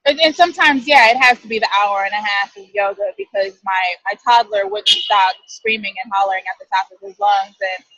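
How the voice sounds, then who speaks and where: A woman's voice: medium pitch, a little fast, few pauses, pushed and bright, dry recording, lo-fi sound. A woman in her thirties talking as an interview guest, chatty and thoughtful, often correcting herself mid-sentence. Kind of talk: casual interview talk.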